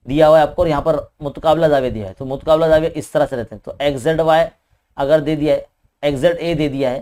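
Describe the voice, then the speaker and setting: Man, maths teacher, Indian Urdu accent, fairly high voice, step-by-step explaining. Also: dark tone. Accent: Indian Urdu-speaking. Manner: explains step by step, often adds a questioning "hai na"; talks quickly. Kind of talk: paper-solving lesson.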